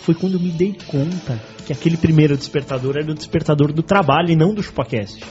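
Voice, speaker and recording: A man hosting a casual podcast chat, telling lively stories, acting out quotes and swearing freely. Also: on the high side, fast talker, soft background music. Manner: animated storyteller who acts out quotes and swears freely. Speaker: podcast host. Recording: dull lo-fi podcast recording.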